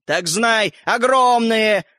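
A man puts on a full character voice, high and sharp, for a boastful little fairy-tale hero in a storybook reading who lectures, huffs, and is quick to take offence. The mood is urgent, and the sound is clean studio audio without echo.

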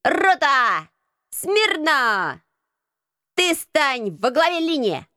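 A woman reading an audiobook, voicing a bossy crippled street boy who leads a gang and barks gruff commands. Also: fairly high pitch, lively intonation, measured pace, fairly bright tone, no room sound, clean studio sound. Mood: commanding. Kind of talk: audiobook character voice.

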